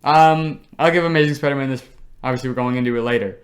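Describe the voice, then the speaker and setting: A man's voice: medium pitch, fast talker. A young man co-hosting a casual podcast chat, enthusiastic and slangy, teasing his co-host.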